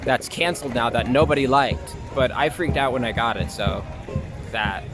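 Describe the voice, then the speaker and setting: With music behind him, a young actor from Long Island in the United States gives relaxed, slightly hesitant interview answers in informal speech. He is a young adult with a mid-range voice and speaks at a moderate pace.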